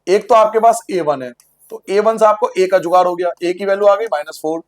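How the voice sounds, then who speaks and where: A man with a high voice teaches a maths lesson to a class of students. He walks through each step out loud, asking questions and then answering them himself in a repetitive, sing-song way. He keeps the tone playful and jokes with the class now and then. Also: fairly quick.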